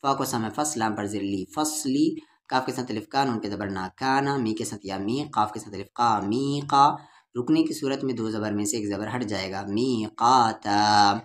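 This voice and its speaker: A man's voice: lowish voice, moderate pace, slight background noise. A man with an Urdu-Hindustani accent teaching Quran reading, patiently spelling out syllables and drawing out the vowels. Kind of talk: letter-by-letter recitation lesson.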